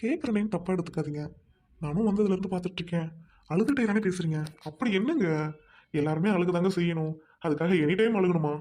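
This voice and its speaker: A woman playing a gentle, teasing young man. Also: on the low side, expressive, quick pace. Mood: coaxing. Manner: soothing, coaxing, lightly joking. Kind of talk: amateur dialogue drama.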